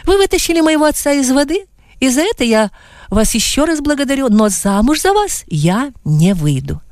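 A woman's voice: high-pitched, sing-song, normal speed, a little mellow, no echo, clean studio sound, voice pushed up. A woman voicing a proud young woman who speaks coldly and firmly. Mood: icy. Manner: cold, firm.

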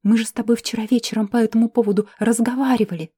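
Woman voicing a shrill, indignant elf lady. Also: steady tone, racing, dark tone, husky, no room sound, studio quality. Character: prim, indignant elf lady, a pet owner.

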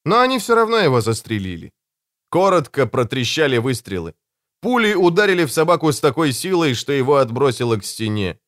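A man narrating an audiobook with expressive, dramatic storytelling. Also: medium pitch, fairly quick, no room sound, clean studio sound. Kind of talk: scripted narration.

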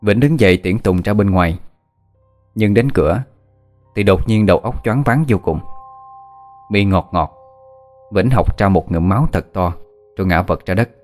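Male storyteller, very low voice, steady unhurried narration, faint music underneath. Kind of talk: scripted ghost story narration.

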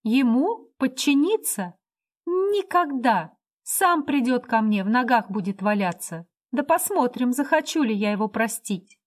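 A hot-tempered young woman flares up in high, agitated bursts, voiced by a woman reading aloud. She sounds proud and indignant. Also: expressive, normal speed. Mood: defiant. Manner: shrill, agitated outbursts.

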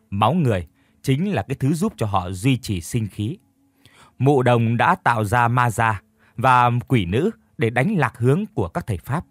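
A man narrating a scripted story in a steady, measured way. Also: mid-range voice, breathy edge, no room sound. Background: faint music.

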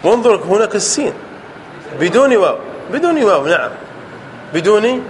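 A man with a high, sing-song voice and a slight hiss or hum teaches a class grammar. He checks in with his students frequently, repeats words, and draws key words out slowly.

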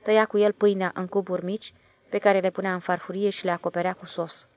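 A woman narrating a literary audiobook in an even, measured reading. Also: medium pitch, no echo.

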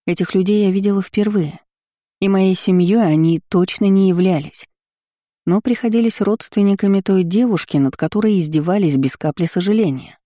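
A woman's voice: medium pitch, moderate pace, dark tone, no echo, studio quality. A woman narrating a first-person novel as an audiobook, reading steadily and expressively.

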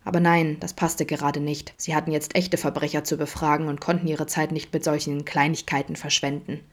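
A woman narrating a fan story as a podfic, steady and measured. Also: low voice. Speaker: podfic reader. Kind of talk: scripted narration.

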